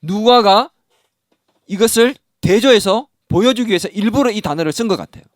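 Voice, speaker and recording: Male pastor, lively high voice, questions the congregation, dry close mic. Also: normal speed, no echo. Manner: animated, acts out scolding dialogue, asks the congregation questions. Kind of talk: sermon.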